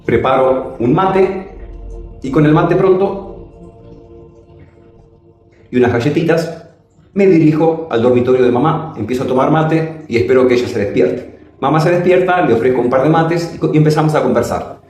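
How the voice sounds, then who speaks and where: A man's voice: a little mellow, faint music behind. Echoey, dramatic storyteller man. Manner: dramatic, swooping pitch with slow drawn-out phrases. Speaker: spiritual storyteller. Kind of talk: personal testimony. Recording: very echoey room.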